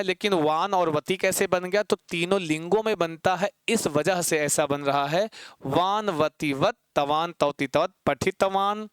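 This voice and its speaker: A man teaching an exam-prep lesson, repeating points, quizzing his students with rhetorical questions and chanting word forms slowly. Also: high-pitched, clear, resonant tone, no echo.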